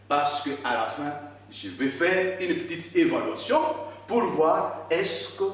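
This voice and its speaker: A male primary school teacher walks his pupils through a reading lesson, drawing out each syllable and repeating words for them. His voice is a little high and rises and falls a lot. He is recorded from a distance in a strongly echoing room. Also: fairly bright tone, slight background noise. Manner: slow, deliberate, stretching out syllables and repeating words. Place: classroom.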